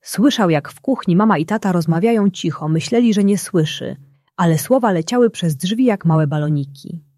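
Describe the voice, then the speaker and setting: A woman narrating a bedtime story for children in a gentle, unhurried way. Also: lowish voice, lively intonation, no room sound, clean studio sound.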